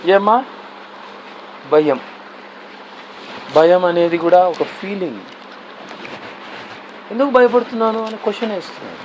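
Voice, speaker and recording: A male pastor delivers a sermon and keeps turning to his listeners with questions. He drops English words into his speech. His voice sits high, with a faint hiss in the background. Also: animated, unhurried, long pauses, darkish tone, poor audio.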